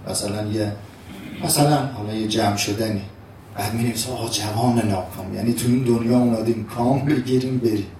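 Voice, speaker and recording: A man giving a lively religious sermon, telling stories and reciting verse and prayers slowly. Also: fairly low pitch, a little hiss or hum. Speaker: cleric. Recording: echoey hall, mic at a distance.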